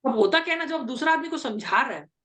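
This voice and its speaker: Woman interview coach, fairly high voice, chatty and repetitive. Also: animated, fast, a bit bright. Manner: chatty, repetitive reassurance, mixes English terms into speech. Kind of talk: casual coaching talk.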